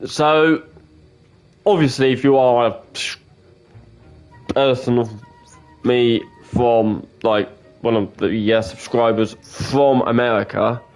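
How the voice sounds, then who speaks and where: Young gaming host, emphatic and repetitive, unhurried delivery. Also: male voice, medium pitch, fairly even intonation, a little mellow, smooth, soft background music. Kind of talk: casual let's-play commentary.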